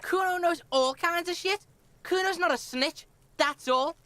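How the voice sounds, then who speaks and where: A female voice acts a cocky, foul-mouthed delinquent street boy in a video game, defiant and hostile. The high, piercingly bright voice carries a swaggering sneer, and the heavily acted, slightly slow delivery has the character referring to himself in the third person.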